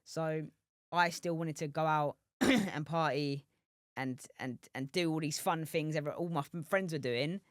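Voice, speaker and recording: Speaking a little slowly in a fairly high voice, this twenty-something boxer from England rambles through a casual podcast interview, restarting often, wandering into asides and saying "do you know what I mean." The studio-quality recording has no room sound.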